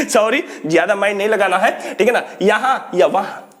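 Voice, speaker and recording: A man's voice: sits high, expressive, moderate pace, a bit bright. A young man teaching spoken English in a video lesson, drilling phrases by repeating them and chuckling often. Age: young adult.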